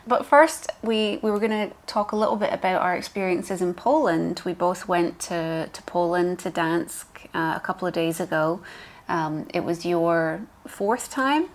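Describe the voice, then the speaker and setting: A woman co-hosting a podcast as a professional piercer, explaining steadily with frequent ums. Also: lowish voice. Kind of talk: casual chat.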